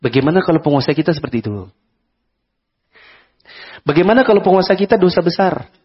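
A man's voice: a little high, expressive, fast, husky. A man with an Indonesian accent giving a conversational Islamic study lecture, asking the audience questions and acting out examples. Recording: dull lo-fi lecture recording.

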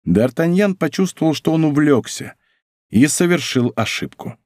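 Expressive male audiobook narrator. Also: fairly high pitch, moderate pace, no room sound, studio quality. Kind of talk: scripted narration.

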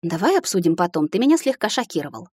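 A woman voicing a spirited, quick-tempered young woman in love, who speaks in an emotional, sharp way. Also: fairly low pitch, sing-song, husky, no room sound, clean studio sound. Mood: playful.

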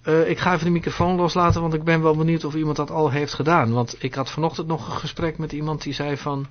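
A man's voice: on the high side, level tone, fast. A man hosting a live voice chat, explaining settings step by step with many fillers. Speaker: host of a tech Q&A voice chat. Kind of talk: live demonstration over voice chat. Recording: dull lo-fi voice chat audio.

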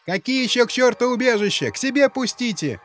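A man's voice: very high voice, animated, a little fast, a bit bright, soft background music, pitched above the performer's own voice. A man voicing a woman from a panicked crowd who wails and pleads. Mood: desperate wailing. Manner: wailing, pleading.

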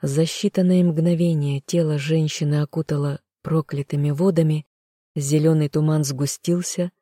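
An audiobook narrator reading a dramatic first-person fantasy story in a steady, even way. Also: medium pitch, moderate pace, dry recording, clean studio sound.

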